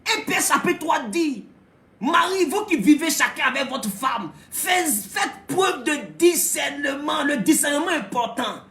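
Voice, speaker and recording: A man preaching a sermon as pastor, emphatic and often shouting, with playful asides. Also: very high-pitched, animated, unhurried, roomy sound.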